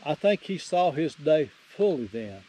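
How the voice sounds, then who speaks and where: A man's voice: a little high, sing-song, a little slow, warm tone, slight background noise, low-quality recording. A man teaching through the Bible verse by verse, folksy, repeating phrases for emphasis and reading scripture aloud.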